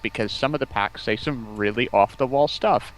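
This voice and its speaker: On a low-quality recording with a bit of background noise, a man with a mid-range voice talks at normal speed. He's a stream guest from community outreach, casually discussing game streaming in an interview and explaining at length with rambling enthusiasm.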